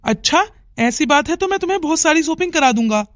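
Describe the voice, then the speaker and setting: A woman's voice: sits high, lively intonation, quick pace, dry recording, clean studio sound. A woman voicing a stern, demanding young husband in a cartoon who scolds insistently. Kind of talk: cartoon voice acting.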